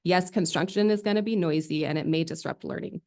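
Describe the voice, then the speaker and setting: A woman's voice: fairly low pitch, fairly quick, a little mellow. A woman making an earnest public comment at a school board meeting. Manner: earnest closing appeal.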